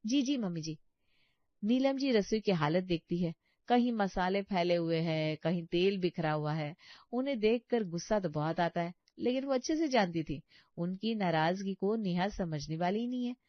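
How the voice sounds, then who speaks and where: Woman reading a family story, steady tone, dull muffled audio. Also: lowish voice, moderate pace, no room sound. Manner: even, storytelling. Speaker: narrator. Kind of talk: scripted story narration. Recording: dull lo-fi sound.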